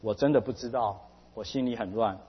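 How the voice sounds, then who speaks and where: A man quoting, in his own husky voice, a troubled married woman who anxiously asks a pastor for help, recorded dull with a long hall reverb. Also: medium pitch, fairly quick. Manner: anxious, hesitant pleading.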